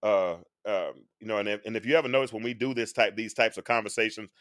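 A man in his forties, a show host being interviewed, hosts a live-stream talk in an earnest, sermon-like style, occasionally singing a phrase. His lowish, fairly bright voice is steady and fast, recorded with studio quality and no echo.

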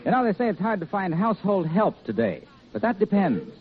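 A man announcing and reading a persuasive commercial in a brisk 1950s radio style, heard from an old broadcast transcription disc. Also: very animated, narrow, tinny audio, slight background noise. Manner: brisk, persuasive sales pitch. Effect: old broadcast disc recording.

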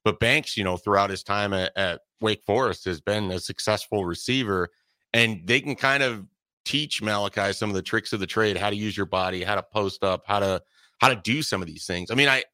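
A man talking as a guest reporter on a sports radio show, breaking down football news in fast, detailed, casual talk from the studio. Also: lowish voice, pushed and bright, dry recording.

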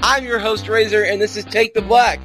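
Man announcing like a circus ringmaster, high-pitched. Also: fairly even intonation, moderate pace, bright, forceful tone, faint music behind. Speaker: podcast host. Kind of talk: ringmaster-style show introduction.

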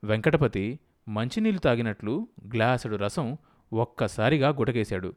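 A man narrating an audiobook in a steady storytelling manner. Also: mid-range voice, normal speed. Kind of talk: scripted narration.

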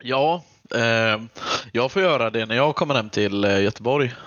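A man's voice: mid-range voice, expressive, a bit bright, slight background noise. A man, chatting casually as a podcast co-host on a slightly muffled microphone. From Gothenburg, Sweden. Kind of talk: casual chat.

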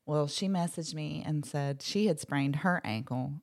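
A woman, co-hosting a podcast and telling a story in a casual, animated way, acting out quotes. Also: sits low, unhurried. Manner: animated storyteller, acts out quotes, laughs often. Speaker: podcast co-host.

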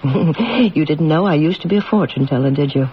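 A woman's voice: deep voice, animated, moderate pace. A coaxing, commanding woman with a dramatic fortune-teller delivery. Her intonation rises and falls widely in true radio drama fashion. The recording is dull, with some hiss. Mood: theatrical, knowing. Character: theatrical woman therapist and former fortune teller, assured, coaxing.

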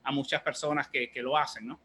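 A man's voice: mid-range voice, little pitch movement, a little fast, pushed and bright, a little hiss or hum. A man hosting a casual interview, encouraging his guest with short affirmations and open questions. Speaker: interview host.

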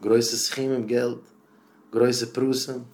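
A man giving an encouraging talk to teachers as a rabbi. He moves between quiet, low asides and loud, impassioned stretches. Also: flat delivery, slow pace. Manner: swings from low murmurs to loud impassioned bursts. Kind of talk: Yiddish chizuk talk.

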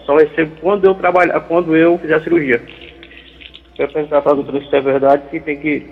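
A middle-aged man's voice comes over a tinny phone line, with a long echo behind it. He talks fast and haltingly, catching on words and repeating them as he explains. His voice is gravelly and sits a little high for a man. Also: little pitch movement, slight background noise. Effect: heard over the phone. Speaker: caller. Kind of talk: call-in question to a radio show.

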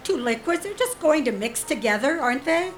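An actress in an audio drama plays a genteel, coolly devious woman putting on sweet innocence, speaking politely, hesitantly and in a drawn-out way. She sounds apologetic and explanatory. Her voice is high with big pitch swings, and there's slight background noise.

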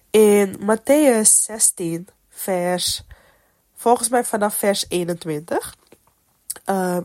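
A woman's voice: fairly low pitch, a little mellow, dry recording, clean studio sound. A woman hosting a solo podcast with a congested, stuffy nose from a cold, talking in a casual, reflective storytelling way about personal faith. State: has a cold. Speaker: podcast host.

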